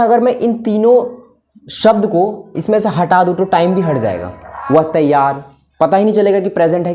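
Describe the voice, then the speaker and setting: A woman with an Indian accent teaching a spoken-English lesson, explaining step by step and often checking in with "right?". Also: on the low side. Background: background music.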